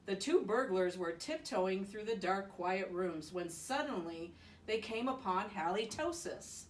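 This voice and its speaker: Female storybook reader, unhurried and playful, recorded away from the mic with faint noise. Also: medium pitch, reverberant, distant mic. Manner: giggly, expressive reading with playful asides. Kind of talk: bedtime story read aloud.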